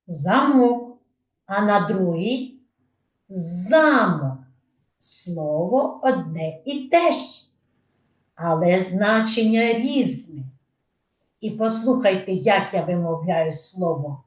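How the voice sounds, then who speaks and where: Slow sing-song kindergarten teacher. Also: female voice, medium pitch. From Ukraine. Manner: sing-song, stresses syllables carefully. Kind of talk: slow, clear lesson for young children. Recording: echoey room, mic far off.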